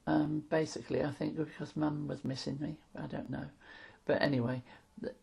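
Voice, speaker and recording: This is an old woman in her eighties with a London accent. Her voice is heavily creaky and husky, with a soft, dark tone. She talks casually about the past in a plain, matter-of-fact way. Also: low-pitched, little pitch movement, moderate pace. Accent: London English. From London, England. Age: 80s. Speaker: interviewee. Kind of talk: casual reminiscence of wartime childhood.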